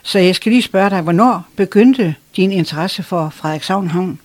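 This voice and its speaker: A host reading a scripted introduction and then asking a historian questions in a clear, measured way. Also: medium pitch, darkish tone, no room sound.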